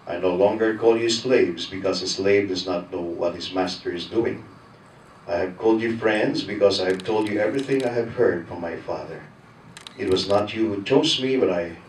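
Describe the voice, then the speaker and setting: Filipino priest preaching, switches into tagalog bits, big cathedral echo with a faint hiss. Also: low voice. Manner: mixes in Tagalog phrases. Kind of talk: gospel reading and homily at Mass. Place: large church. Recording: echoey church, voice from far off, faint hiss.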